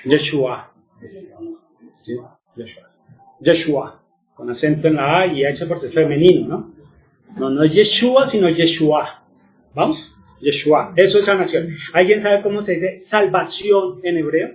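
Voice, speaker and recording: Male religious teacher, high voice, lo-fi sound, asks questions and answers them himself. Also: moderate pace.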